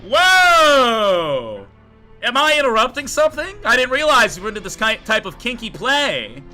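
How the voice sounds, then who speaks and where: A man's voice: very high voice, wildly swooping pitch, moderate pace, sharp tone, soft background music, pitched above the performer's own voice, exaggerated voice. A man voicing a cocky male commander who talks in a smug, joking way. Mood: teasing.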